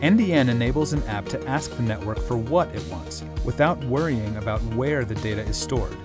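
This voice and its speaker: A man's voice: medium pitch, expressive, brisk. A man reading a scripted explainer as its narrator. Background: prominent guitar music.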